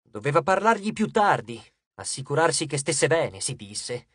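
Expressive audiobook narrator, dry studio. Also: medium pitch, moderate pace, slightly rough, no echo. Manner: expressive storytelling.

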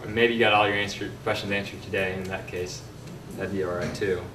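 A young man giving a prepared campaign closing speech as a candidate, earnest and halting with pauses. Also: on the low side, fairly even intonation. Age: young adult. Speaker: political candidate. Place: meeting room, at a podium. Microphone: podium mic, picked up by distant camera. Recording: roomy, distant mic, faint background noise.

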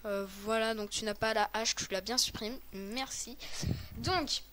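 A woman's voice: fairly high pitch, a little slow, a bit bright, a little hiss or hum. A woman hosting a casual game tutorial with a friend, talking in a chatty, hesitant way with many fillers and restarts. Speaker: host of a game tutorial video.

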